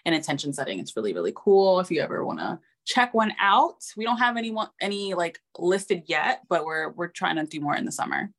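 A woman's voice: fairly low pitch, very animated, brisk, few pauses, a bit bright. A woman chatting casually as a podcast guest, supportive and playfully insistent. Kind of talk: casual chat.

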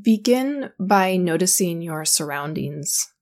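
A woman guiding a sleep meditation in a calm, soothing, slow manner. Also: fairly low pitch. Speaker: meditation guide.

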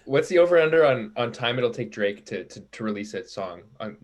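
Guy on a sports pod talking fast, says like a lot, rambles. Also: medium pitch, lively intonation. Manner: rambling, filler-heavy with frequent "like". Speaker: podcast co-host. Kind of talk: casual sports podcast chat.

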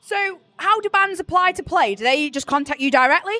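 A woman's voice: very high-pitched, lively intonation, brisk, bright, forceful tone, dry recording, soft background music. A woman with a Stoke-on-Trent accent interviewing someone in a chatty, effusive way as a podcast host. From Stoke-on-Trent, England. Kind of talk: casual interview chat.

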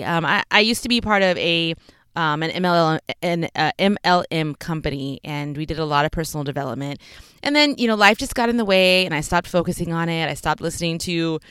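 A young woman from Texas hosts her podcast from inside a closet, where clothes deaden the sound and leave it dry and close. Her voice sits a little low and is very smooth and clear. She chats in an upbeat, loose way, full of fillers and small laughs. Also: fairly bright tone, dry recording. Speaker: podcast host. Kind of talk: casual solo podcast chat.

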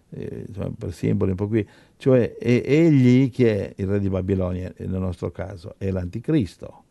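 A man's voice: low-pitched, gravelly, warm tone, no echo. A man preaching a sermon and leading a Bible study, exhorting his listeners and often stumbling through repeated restarts.

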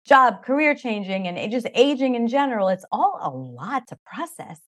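A woman's voice: on the high side, very animated, normal speed. A middle-aged woman talking as a podcast guest in an enthusiastic, rambling way, full of "like" and "you know.". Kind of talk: casual interview chat.

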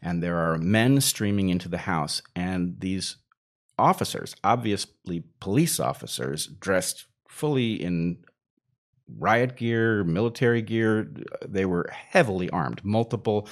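A man's voice: deep voice, animated, unhurried. A man casually telling a long personal anecdote, rambling and circling back with fillers as he goes. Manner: rambling, self-interrupting with fillers. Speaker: storyteller guest.

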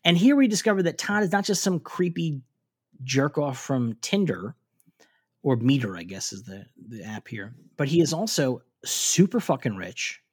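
A man's voice: medium pitch, lively intonation, normal speed, husky. A man co-hosting a casual podcast, recapping a TV episode in a chatty way with frequent fillers and restarts. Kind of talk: casual chat.

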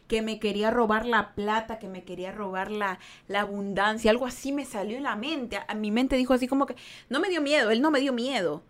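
A woman with a Guayaquil Ecuadorian Spanish accent telling a strange personal story on her podcast, acting out her own shouts. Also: mid-range voice. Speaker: podcast host.

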